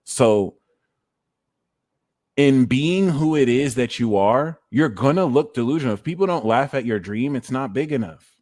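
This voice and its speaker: Brief: man from New Jersey, mid-pitched, loose rambling astrology livestream host, dry close sound. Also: expressive, measured pace, a little mellow, no room sound. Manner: rambling, prone to tangents, repeats phrases. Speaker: astrologer and reader. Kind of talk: casual livestream astrology talk.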